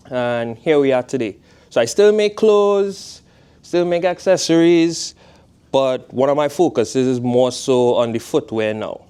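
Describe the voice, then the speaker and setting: Speaking with a Trinidadian accent, a man in his twenties from Trinidad, a footwear designer, is a guest speaker for a college class. He keeps it relaxed and conversational, asking "you know what I mean." His medium-pitched voice is clear, resonant and a little mellow.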